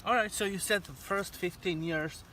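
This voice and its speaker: Bright-voiced man asking questions outdoors. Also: high-pitched, moderate pace. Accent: non-native English. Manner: eager questions with hesitant fillers. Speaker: host and interviewer. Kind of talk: casual interview. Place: outdoors in a sunny park by a pond. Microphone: camera mic at a distance. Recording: distant outdoor mic, faint background noise.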